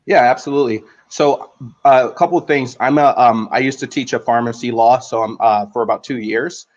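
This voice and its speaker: Guy answering judges about his business, kinda halting explainer talk, dull lo-fi call audio. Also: mid-range voice. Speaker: entrepreneur answering judges' questions. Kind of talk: spontaneous question-and-answer explanation.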